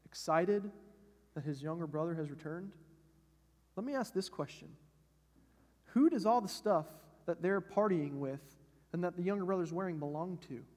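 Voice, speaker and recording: A man's voice: high-pitched, lively intonation, moderate pace, long pauses, a little mellow. A male pastor preaching a sermon in a church sanctuary, talking in a conversational way and asking his listeners questions. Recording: long church hall reverb.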